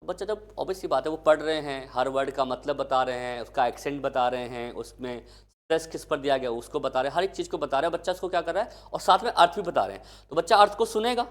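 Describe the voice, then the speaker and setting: A man's voice: mid-range voice, fast talker, hardly any pauses. A male teacher giving an exam-prep lecture, asking questions and answering them himself. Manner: asks questions and answers them himself, addresses students as kids.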